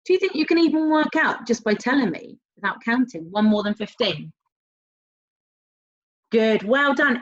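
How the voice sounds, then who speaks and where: Animated, high-voiced woman teaching young children. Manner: encouraging, with frequent praise and prompting questions; sing-song, drawn-out emphasis on key words. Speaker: primary school maths teacher. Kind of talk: recorded lesson for young children, talking directly to pupils. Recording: dull, lo-fi sound.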